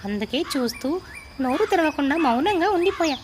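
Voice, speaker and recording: A man voicing a humble, patient crow in a children's storybook, speaking calmly with a gently pointed edge. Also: very high voice, normal speed, background noise, voice pushed up. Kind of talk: storybook character voice.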